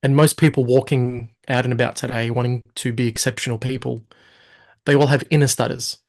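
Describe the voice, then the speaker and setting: During a casual interview, a guest in his thirties talks in a middle-range voice of everyday pitch. He recounts his story energetically, now and then voicing his past thoughts in quick, lively asides where he quotes himself.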